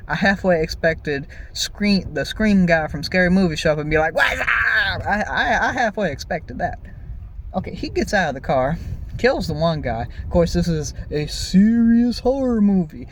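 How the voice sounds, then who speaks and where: A man with a fairly high voice rants through a comedic, profane movie review, sounding exasperated and telling it conversationally like a story. He leans on exaggerated, animated emphasis and repeats phrases, and a little hiss or hum runs under the audio.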